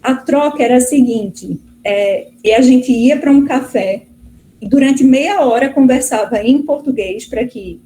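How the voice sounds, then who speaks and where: A middle-aged Brazilian woman, a guest professor, answers interview questions chattily, full of fillers and restarts. Her voice is a little high and warm, and the poor audio carries faint background noise.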